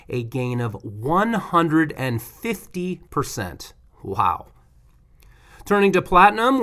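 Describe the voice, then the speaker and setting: A man's voice: mid-range voice, fairly bright tone. A man presenting a scripted market report as a show's news presenter.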